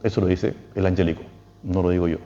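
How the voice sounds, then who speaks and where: Speaking quickly in a large hall, a man with a Chilean accent, a priest, lectures on spiritual matters over dull audio. He keeps it lively with questions and quotes texts using emphatic rises in pitch.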